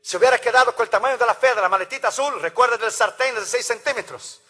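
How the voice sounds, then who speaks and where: A man preaching a sermon, swinging between loud emphatic calls and quiet asides. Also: extremely high pitch, fast. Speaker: pastor.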